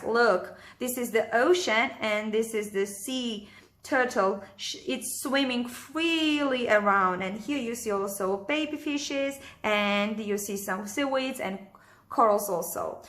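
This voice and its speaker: A woman's voice: fairly high pitch, fairly bright tone. A woman reading a storybook aloud to young children, talking to them directly in an exaggerated sing-song way. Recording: echoey room.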